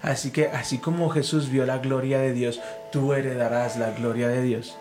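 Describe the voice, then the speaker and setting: Guy pastor hosting a chat show, fervent, storytelling, leads prayers, mid voice, soft music behind. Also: mid-range voice, steady tone, normal speed, poor audio. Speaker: pastor and podcast host. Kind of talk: casual preaching talk.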